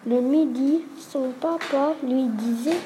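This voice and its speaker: A woman reading a children's story aloud in a slow, soft, deliberate way. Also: sits high, noisy background.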